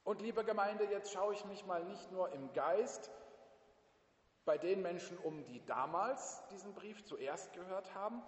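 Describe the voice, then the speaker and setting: A man's voice: high-pitched, expressive, measured pace. A male pastor preaching a sermon, emphatically and directly addressing the congregation. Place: church. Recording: echoey church, long reverb.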